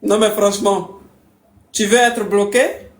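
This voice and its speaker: A woman's voice: medium pitch, fairly even intonation, measured pace, lightly acted. A woman playing a brash, imperious coach who mocks callers and threatens to block them on a live stream. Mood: scolding. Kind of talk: comic live-stream parody. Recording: roomy echo.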